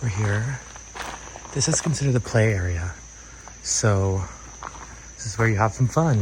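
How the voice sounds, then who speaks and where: A man's voice: lowish voice, expressive, unhurried, background noise. Man vlogging on a handheld phone. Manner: chatty, upbeat, lots of "like" fillers. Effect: filmed on a handheld phone. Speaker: travel vlogger. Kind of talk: casual vlog walk-through. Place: outdoors in woods. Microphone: phone held while walking.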